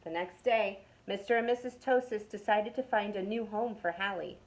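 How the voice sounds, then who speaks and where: A young adult woman from a youth club, reading a picture book aloud to children with expressive delivery that drops to a whisper for suspense. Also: mid-range voice, moderate pace, rough recording.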